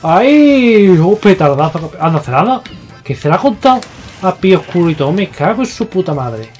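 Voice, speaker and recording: A young man with a Spain Spanish accent giving excitable, foul-mouthed live gameplay commentary, yelling at his opponents. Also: high voice, normal speed. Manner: excitable, swears a lot, yells at opponents. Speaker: gaming YouTuber. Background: faint game music.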